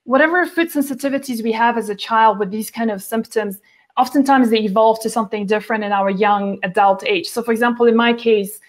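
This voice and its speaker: Speaking briskly in a higher voice, a nutrition author in her forties chats as a guest in a casual video call interview. She often restarts and uses fillers, and is at home by a window backed by plants.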